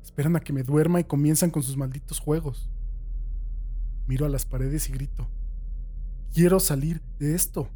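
A man's voice: fairly high pitch, fairly even intonation, normal speed, breathy edge. A man reading a first-person horror story aloud as a dramatic scripted narration. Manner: dramatic reading that swings from hushed to shouted.

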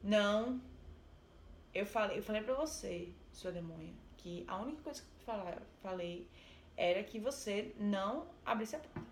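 A woman's voice: mid-range voice, animated, normal speed, a little hiss or hum, natural voice. A woman with a Brazilian accent voicing a cold, murderous husband who scolds and threatens his wife. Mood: threatening. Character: menacing murderous husband, male adult, cold. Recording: roomy echo.

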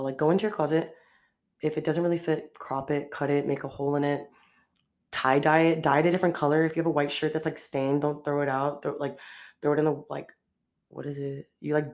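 A young woman hosting her own podcast, chatting casually and quickly and peppering her talk with "like". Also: low voice, darkish tone. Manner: chatty, fast, heavy use of "like". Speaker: podcast host. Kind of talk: casual solo podcast chat.

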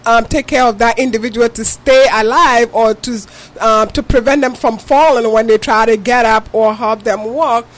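A Ghanaian woman with a Ghanaian accent guests on a talk show, answering interview questions. Her voice is a little high with fairly even intonation at a moderate pace, and she explains insurance patiently and earnestly, using examples.

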